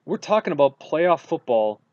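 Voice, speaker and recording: A man from Wisconsin co-hosting a sports podcast, telling stories in a casual, animated way with lots of fillers. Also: fairly high pitch, moderate pace, no room sound, dull audio. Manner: animated storytelling with many fillers. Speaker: podcast co-host.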